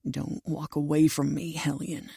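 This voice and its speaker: A woman reads in a gruff, domineering cowboy's voice, low and growling, with a gravelly edge. He talks slowly and commands rather than asks, in a dry, close recording. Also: level tone, mellow, dry recording, full character voice. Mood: possessive.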